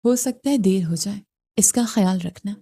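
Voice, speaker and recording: A woman's voice: medium pitch, slightly rough. A woman doing a caring middle-aged aunt. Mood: concerned. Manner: gentle, motherly instructions.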